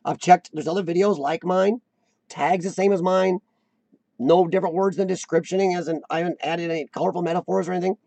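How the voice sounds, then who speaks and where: His voice fairly high, raspy, and mellow, a live-chat host speaks briskly in a steady tone while he rambles, teases himself, and doubles back on his phrasing. The recording is close and dry, without any room sound.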